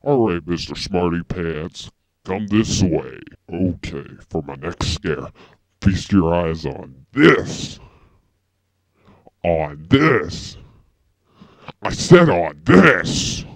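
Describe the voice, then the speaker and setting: Sinister talking pumpkin played by a man for a comedy skit: extremely low, growly, theatrical, mock-polite. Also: expressive, heavily acted. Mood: commanding. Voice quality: gravelly, growly. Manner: slow, theatrical, mock-menacing. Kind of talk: amateur comedy skit acting. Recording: noisy amateur home video.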